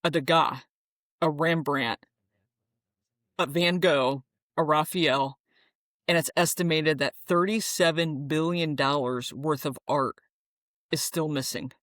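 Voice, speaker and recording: Podcast co-host, casual chat, relaxed fact-reading, stumbles and restarts, dry close mic. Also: medium pitch, slow pace, long pauses, no echo. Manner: relaxed, rambling with fillers and restarts.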